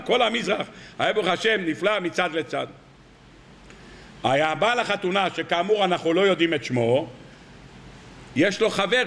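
A rabbi delivers a weekly sermon to his congregation, retelling a story with animated flair and voicing its characters. His voice sits high and has a bright, cutting tone. A gravelly rasp runs underneath. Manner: lively storytelling, acting out characters. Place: synagogue hall in Bnei Brak.

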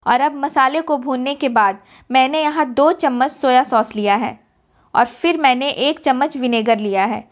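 A woman giving a calm, step-by-step cooking voice-over as host of a recipe channel. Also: high voice. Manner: calm, instructive, explains each step.

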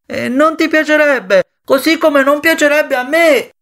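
A man's voice: very high-pitched, unhurried, pitched above the performer's own voice, exaggerated voice. A man voicing a spiteful, mocking boy with troll teeth who calls out taunts. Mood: taunting. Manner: shouting after, taunting.

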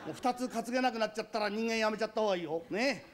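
A man playing a gruff but kindly middle-aged uncle with an Edo Tokyo accent, in rakugo storytelling, rough and scolding. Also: high voice, racing, a faint crowd, lightly acted. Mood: fatherly. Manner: rough scolding, then fatherly advice.

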